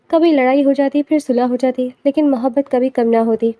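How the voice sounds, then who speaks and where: High-voiced woman narrating a romance novel. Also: fairly even intonation, mellow, no room sound. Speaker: audiobook narrator.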